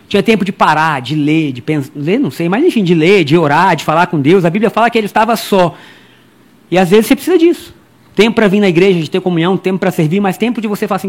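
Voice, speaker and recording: High-voiced joking male preacher. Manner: chatty and joking, addresses listeners as brother; acts out quoted people in his stories. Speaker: pastor. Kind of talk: lively humorous sermon. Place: church.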